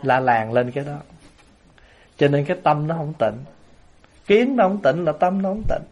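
Buddhist monk, fairly high-pitched male voice, lively storytelling sermon. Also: normal speed. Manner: lively storyteller, acts out everyday scenes with laughter. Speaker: Buddhist monk giving a Dharma talk. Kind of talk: sermon to a lay assembly.

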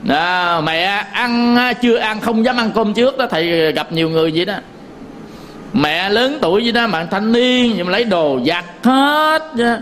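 A man's voice: sits high, animated, normal speed, fairly bright tone, a little hiss or hum. A man giving a Buddhist sermon in a Southern Vietnamese accent, telling folksy stories with frequent chuckles and speaking straight to his listeners. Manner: folksy storytelling, chuckles often; addresses listeners directly. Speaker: Buddhist monk teacher.

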